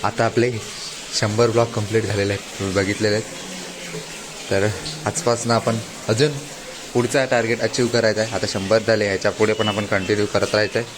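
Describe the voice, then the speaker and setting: A man's voice: fairly low pitch, level tone, a little fast, background noise. A man hosting a casual family vlog at home, chatting and teasing, talking to viewers as guys.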